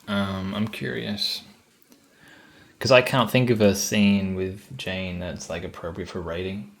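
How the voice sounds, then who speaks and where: Slow, low-voiced man thinking aloud. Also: steady tone, vocal fry. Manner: hesitant, thinking aloud with many ums. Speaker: streamer. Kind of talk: casual livestream brainstorming.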